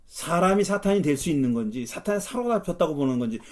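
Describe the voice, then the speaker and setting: Man, pastor, bible study lecture, lively, acts out quotes, fairly high voice. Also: quick pace. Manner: animated, acts out quotes with rising intensity.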